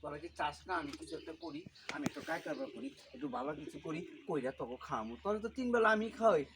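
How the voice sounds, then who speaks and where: In an amateur short film, an actor plays a greedy old husband who bullies his wife for dowry money, scolding and shouting harshly. His fairly high voice is lively and fast, the acting is light, and the recording is very noisy.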